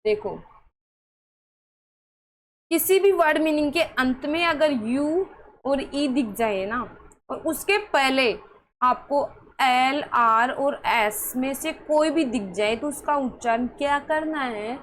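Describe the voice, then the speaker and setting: A woman's voice: high-pitched, slow pace, slight background noise, poor audio. A woman teaching English pronunciation rules, who keeps asking her students questions and then answers them herself. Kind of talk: explaining spelling rules to students.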